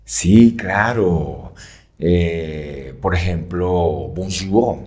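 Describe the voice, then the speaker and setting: Slow deep-voiced man explaining. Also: animated, a little mellow. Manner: patient, frequent fillers, checks in with "¿sí?". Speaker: French teacher. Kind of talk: explaining in an interview.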